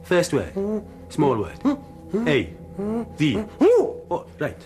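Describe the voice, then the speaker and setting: An actor playing a naive, earnest young watch constable, eager and polite. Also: male voice, fairly high pitch, wildly swooping pitch, very slow, darkish tone, faint music behind, exaggerated voice. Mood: puzzling.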